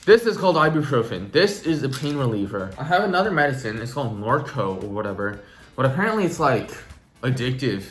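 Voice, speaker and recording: A man's voice: medium pitch, big pitch swings, a little fast. A young man recording a casual video diary, speaking cautiously with a stiff jaw and barely opening his mouth, as after tooth surgery. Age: young adult. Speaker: vlogger.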